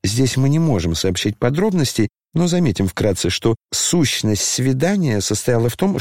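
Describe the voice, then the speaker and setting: A man narrating a classic novel in a measured, even storytelling manner on a close microphone. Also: medium pitch, no echo. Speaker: audiobook narrator.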